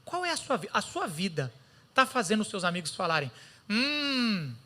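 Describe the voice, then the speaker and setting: A Brazilian man preaching a sermon in a bright, forceful tone with a Brazilian Portuguese accent. He tells stories in a lively way and slips into the voices of the people he quotes. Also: sits high, moderate pace.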